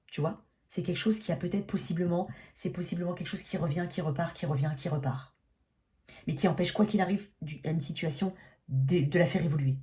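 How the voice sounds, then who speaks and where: Her voice on the low side and mellow, a woman reads tarot casually. She gropes for her words, starting over many times and frequently dropping a "hein".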